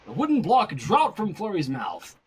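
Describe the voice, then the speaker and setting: Reading a fan fiction story aloud, the narrator tosses in casual, irreverent asides and sounds amused and expressive throughout. The voice is mid-range and moves at a normal speed.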